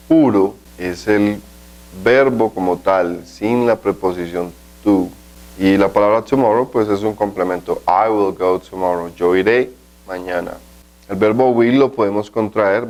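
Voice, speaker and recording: Brief: male teacher, lowish voice, methodical explainer, slows right down for example phrases. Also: darkish tone, rough recording. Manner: slow, deliberate pronunciation of English examples; explanatory, with frequent "¿cierto?" checks. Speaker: English teacher. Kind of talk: recorded language lesson.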